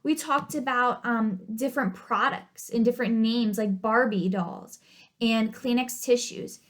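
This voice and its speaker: A woman's voice: fairly high pitch, measured pace. A woman teaching a recorded writing lesson to second graders, upbeat and encouraging.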